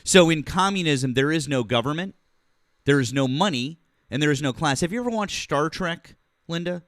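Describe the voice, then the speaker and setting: A man's voice: on the high side, expressive, moderate pace, a bit bright, dry recording, clean studio sound. A man hosting a live stream, chatting casually and often repeating words as he searches for them. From northeastern United States.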